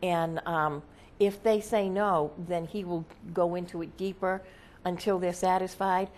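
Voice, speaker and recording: A woman speaking as a seance medium, casually explaining her trance channeling in an interview, halting and often checking with "okay?". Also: fairly low pitch, fairly even intonation, darkish tone.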